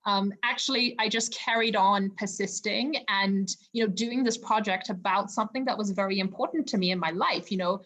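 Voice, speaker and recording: A woman's voice: mid-range voice, brisk, hardly any pauses, a bit bright. A woman from Zimbabwe, a podcast guest talking over a remote call from home, earnest and reflective, with many fillers. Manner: earnest and reflective, with frequent fillers like "you know". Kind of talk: casual interview conversation.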